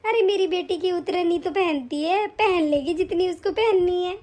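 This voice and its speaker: A woman's voice: very high voice, moderate pace, darkish tone. A woman voicing a scheming, wealthy middle-aged aunt who bosses her family around in a curt, commanding way for a cartoon. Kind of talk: cartoon voice acting.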